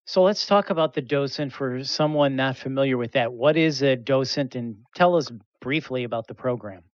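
A man's voice: medium pitch, moderate pace, no room sound, muffled recording. A man hosting a podcast interview, upbeat and summing up his guest's answers. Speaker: podcast host.

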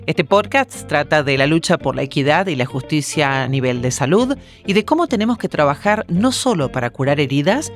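A woman host reading a formal podcast introduction and questions in a measured voice-over. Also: low-pitched, expressive, soft background music. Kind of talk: scripted Spanish voice-over of host.

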